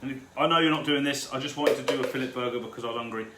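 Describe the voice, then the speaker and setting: A man's voice: mid-range voice, very fast. A man hosting a live cook-along from his home kitchen, chatting loosely with viewers and swearing freely. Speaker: home cooking host. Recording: roomy kitchen with background noise.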